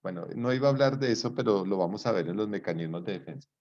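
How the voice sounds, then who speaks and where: A fast-talking man with a lowish, slightly mellow voice and lively intonation teaches a live psychology class. He stays conversational, checking comprehension with rhetorical questions. The dull lo-fi audio carries a little hiss or hum.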